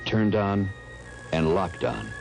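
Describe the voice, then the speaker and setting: A man's voice: deep voice, very animated, slow pace, creaky, background noise. A man reading solemn, documentary-like scripted narration for a TV commercial. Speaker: commercial announcer. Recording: old TV ad, loud music bed.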